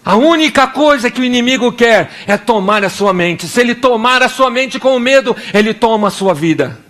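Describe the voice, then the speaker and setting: A young Brazilian pastor with a Brazilian Portuguese accent preaches an animated sermon, acting out small scenes and prayers in a range of voices. His voice is very high and he talks at a normal speed.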